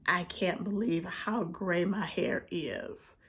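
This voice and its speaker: A woman's voice: on the low side, slow, a bit bright, slightly rough. A woman in her fifties chatting casually to her viewers, laughing often as she talks. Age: 50s. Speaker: vlogger. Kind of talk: casual chat to camera.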